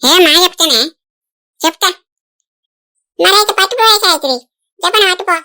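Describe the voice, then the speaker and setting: A woman's voice: very high voice, expressive, moderate pace, sharp tone, no room sound, clean studio sound, exaggerated voice. A woman voicing a bossy, boastful village diviner in a cartoon, speaking with a Telangana Telugu accent.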